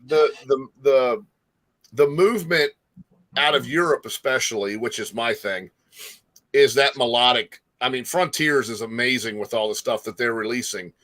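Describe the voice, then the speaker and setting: A talk show host interviews a musician in a casual chat, his manner informal, rambling and encouraging. He has a mid-range, slightly bright voice and talks at normal speed.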